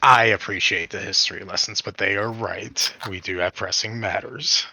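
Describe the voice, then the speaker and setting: A man's voice: fairly low pitch, steady tone, normal speed, vocal fry, pushed and bright, husky, no room sound, poor audio. A man playing a tabletop game, talking in a wry, teasing way. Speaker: player. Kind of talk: casual in-character chat.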